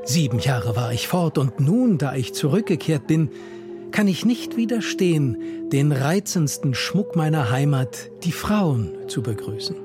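A man's voice: a little high, very animated, measured pace. A man reading as a courteous young homecomer. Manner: polite, warm and eager. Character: young man back from abroad, courteous and earnest. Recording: music playing under the reading.

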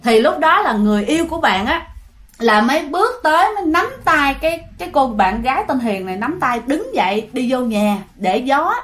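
A woman's voice: high-pitched, sing-song, a little fast, a bit bright. A woman narrating a ghost story chattily, speaking straight to her listeners. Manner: chatty, addresses listeners directly.

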